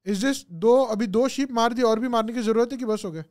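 A man's voice: extremely high pitch, fairly quick, darkish tone. A young man, streaming a game in a casual way, thinking aloud and answering viewers' comments with English phrases mixed in. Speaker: gaming streamer. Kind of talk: casual live gameplay chat.

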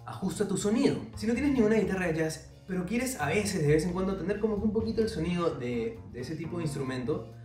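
A man's voice: sits high, lively intonation, quick pace, few pauses, a little mellow, reverberant, far from the mic. A young man giving a casual guitar lesson, explaining each step directly to the viewer. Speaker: guitar teacher. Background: faint guitar playing.

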